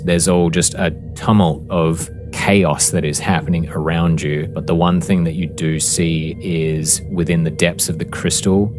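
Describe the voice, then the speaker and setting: A man serving as game master narrates a tabletop fantasy game in a low voice, telling the story in a measured, deliberate, descriptive way over background music.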